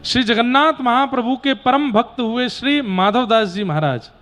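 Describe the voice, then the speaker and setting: A man's voice: very high voice, fairly bright tone, soft background music. A man telling devotional stories as a preacher in a sermon, addressing a gathering. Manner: unhurried, preaching to a gathering, breaking into devotional song. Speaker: katha preacher.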